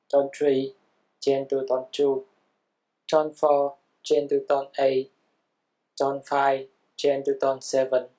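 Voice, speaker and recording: Slow, mellow-voiced man teaching a language. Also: mid-range voice, low-quality recording. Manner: careful, measured explanation. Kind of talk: scripted lesson narration.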